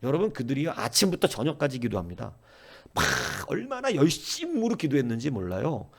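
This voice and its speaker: A male pastor preaches at a dawn service with a gravelly, creaky voice at a middle pitch. He exhorts earnestly and keeps turning to the congregation. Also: huge pitch swings, brisk, a little mellow.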